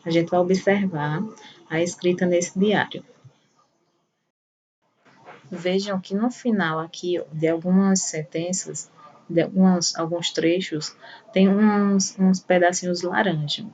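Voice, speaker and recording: A woman's voice: fairly low pitch, fairly even intonation, takes it slowly, long pauses, a little mellow. A woman teacher giving a patient primary school lesson, walking through examples one by one. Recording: voice a bit far from the mic, faint room noise.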